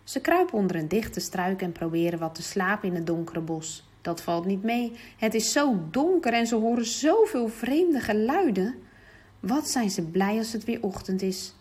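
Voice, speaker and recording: Breathy woman reading a children's story. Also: mid-range voice, animated, normal speed, darkish tone. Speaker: narrator.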